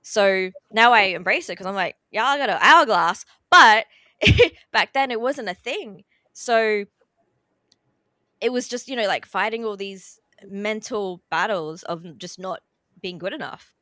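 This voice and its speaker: An Australian woman, tearful, chats casually as a podcast guest indoors at a relative's house, using lots of fillers and laughing through her emotion. Her voice is medium-pitched, animated, and unhurried, with a sharp tone and no room sound.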